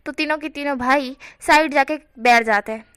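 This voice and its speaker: A woman's voice: high voice, moderate pace, fairly bright tone, dry recording. A woman telling a story in a casual, chatty style, mixing English words into her speech.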